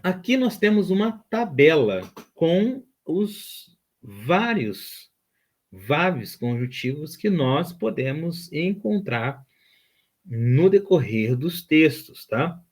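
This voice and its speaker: A man's voice: a little high, big pitch swings, slow pace. A man teaching a Hebrew grammar lesson, explaining patiently, repeating terms and checking in with the class.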